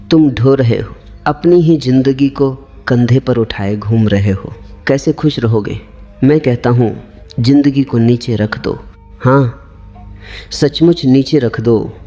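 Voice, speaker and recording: A man giving a slow, calm spiritual discourse as a teacher, with short repeated phrases. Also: mid-range voice, muffled recording, faint music behind.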